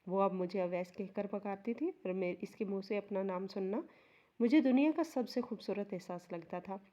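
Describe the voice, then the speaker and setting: A woman's voice: medium pitch, mellow. A woman telling an emotional first-person story as scripted narration, earnest in manner, in a slightly muffled recording.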